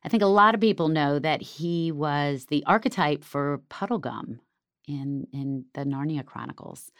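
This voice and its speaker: Casting note: earnest woman interviewer with a very low, smooth voice. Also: normal speed, a bit bright, no echo, clean studio sound. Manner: earnest and empathetic. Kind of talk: interview questions.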